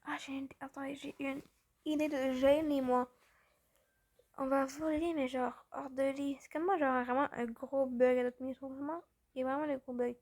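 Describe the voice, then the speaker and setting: A woman chatting through gameplay commentary, rambling and excitable, a little tired from just waking up. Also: high voice, normal speed. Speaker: gaming channel host.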